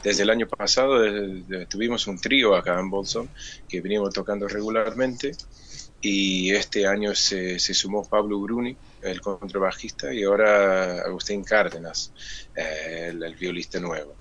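A man, a musician guest on a radio interview, explaining things in a measured, thoughtful way. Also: sits low, fairly even intonation, fairly bright tone, husky, dull audio.

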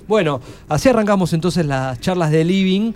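An Argentine man hosting a radio interview, asking questions in a relaxed, conversational way. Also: high-pitched, moderate pace. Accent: Argentine Spanish. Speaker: radio host.

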